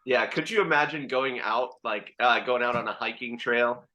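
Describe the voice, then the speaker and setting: A man's voice: medium pitch, moderate pace, bright, forceful tone, poor audio. A young man chatting casually on a podcast with his brothers, rambling with hesitant restarts. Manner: rambling, hesitant, laughs along. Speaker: podcast co-host. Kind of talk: casual chat among brothers.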